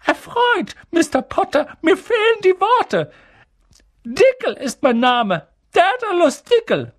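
A man voicing a tiny, giddy wizard in a top hat who squeals breathlessly with excitement. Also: extremely high pitch, slow pace, pitched above the performer's own voice, full character voice. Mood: ecstatic.

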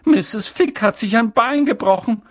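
A man's voice: high voice, expressive, a little slow, voice pushed up. A male audiobook reader voicing a snappish, scolding middle-aged aunt. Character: shrill, cross aunt, middle-aged woman.

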